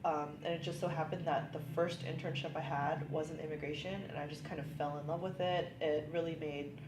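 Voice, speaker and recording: Speaking briskly in a low voice with little pitch movement, this thirty-something immigration attorney from California keeps a casual interview upbeat, full of likes and ums. Faint hiss and an echoey room color the recording.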